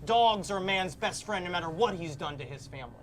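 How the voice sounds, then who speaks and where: A man co-hosting a comedy podcast, loud and jokey with crude banter. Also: high voice, fast talker. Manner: loud, animated, jokey, lapses into silly voices. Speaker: podcast co-host.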